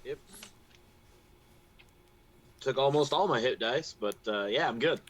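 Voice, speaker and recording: A man chats casually during a tabletop game in an average-pitched voice. A light layer of background noise sits behind him. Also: a little slow, fairly bright tone.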